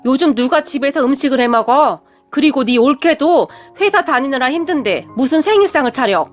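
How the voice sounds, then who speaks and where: A woman voicing a blunt, sharp-tongued older mother-in-law who scolds her daughter. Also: sits high, animated, brisk, soft background music. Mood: scolding.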